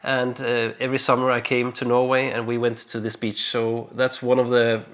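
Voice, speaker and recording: A young man, from Denmark, talking casually in a relaxed and hesitant way, with frequent fillers and restarts. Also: mid-range voice, moderate pace. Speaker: vlogger. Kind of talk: casual conversational vlog chat.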